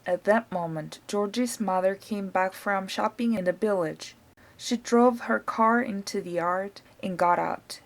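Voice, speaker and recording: A woman with a Korean accent reading a children's novel aloud in a clear, even storytelling voice. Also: medium pitch, unhurried. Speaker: audiobook reader.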